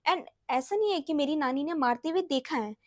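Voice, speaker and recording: High-voiced chatty young woman storyteller. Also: animated, moderate pace, dry recording, clean studio sound. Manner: chatty, drops to a hushed murmur when acting out quotes. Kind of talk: casual storytime vlog.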